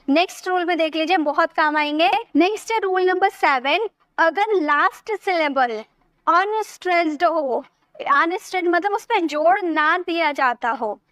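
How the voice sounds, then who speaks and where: A woman's voice: sits high, a bit bright, no room sound. A woman teaching an English grammar lesson, explaining each rule patiently step by step and checking often whether her students have understood.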